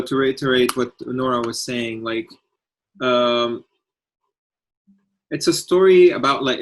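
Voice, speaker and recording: A young adult man from Lebanon, a film director and producer, answering interview questions in a halting way with many pauses. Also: medium pitch. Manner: halting, many fillers and restarts.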